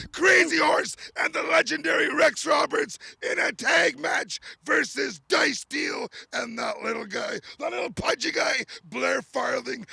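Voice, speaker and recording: A man delivering a boastful wrestling promo as a manager, shouting his hype in a gravelly voice. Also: very high-pitched, no room sound.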